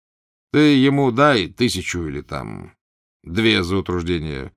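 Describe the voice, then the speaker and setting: An imperious, capricious prince in a storybook reading, voiced by a man. He barks orders in a forceful, lively voice, louder than the narration. The recording is close and dry. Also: deep voice, unhurried, vocal fry, no echo, heavily acted. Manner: commanding, loud and brusque. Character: bored, imperious male prince, a capricious grandee.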